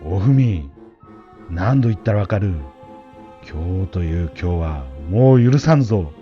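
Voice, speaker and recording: A man voicing a furious, cruel master in a ghost story, scolding a servant loudly and harshly. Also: deep voice, expressive, unhurried, lo-fi sound, faint music behind.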